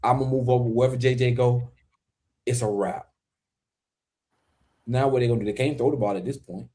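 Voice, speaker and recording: A man in his forties who used to play football tells stories in loose podcast chat. He gets animated and emphatic, with sudden punchy outbursts. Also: mid-range voice, brisk. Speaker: podcast co-host, former pro football player. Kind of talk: casual chat.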